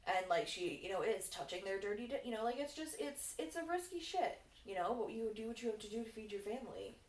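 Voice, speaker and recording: Young woman, loose rambling stoner chat, sweary, echoey room, recorded at a distance. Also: quick pace. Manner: rambling, relaxed, tipsy-high stoner talk with frequent swearing. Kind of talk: casual chat, Q&A. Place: indoors, on a couch. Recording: echoey room, distant mic, faint noise.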